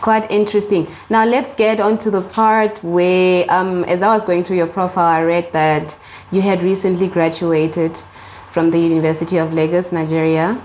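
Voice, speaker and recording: A woman's voice: fairly low pitch, little pitch movement, moderate pace, a little mellow, a little hiss or hum. A woman hosting a talk show interview, polite, with some hesitant fillers when she asks questions.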